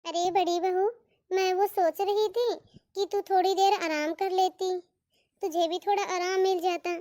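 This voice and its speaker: A woman's voice: extremely high pitch, steady tone, measured pace, mellow, no echo, clean studio sound. A woman voicing a stern but fair mother-in-law in a cartoon, scolding and giving orders. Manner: scolding, commanding, calls daughters-in-law "bahu". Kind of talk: cartoon voice acting.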